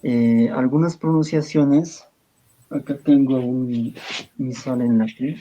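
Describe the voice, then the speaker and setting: A man on a live stream explaining liturgical languages in casual talk, pausing often to search for words and reading sample prayers slowly. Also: mid-range voice, steady tone, mellow, rough recording.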